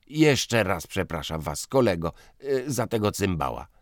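A man doing a loud, blustering editor. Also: deep voice, very animated, no room sound, studio quality, voice pushed up, heavily acted. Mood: blustering, indignant. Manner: shouting, indignant, rapid outbursts. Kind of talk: audiobook character voice.

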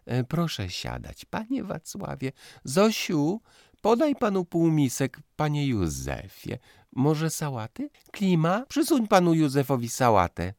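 Man voicing a fussy high-voiced matron. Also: wildly swooping pitch, unhurried, creaky, darkish tone, no room sound, studio quality, heavily acted. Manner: bossy, fussing over guests. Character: fussy middle-aged lawyer's wife, a hostess.

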